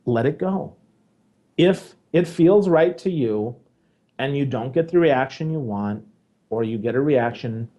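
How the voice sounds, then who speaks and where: A man co-hosting a podcast, giving emphatic, lecturing advice in casual chat and swinging between loud and low. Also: muffled recording. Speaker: podcast co-host.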